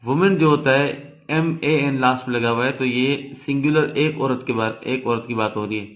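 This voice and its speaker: A man's voice: medium pitch, normal speed. A man, giving a video lesson as an English teacher and explaining patiently with frequent questions back to the students.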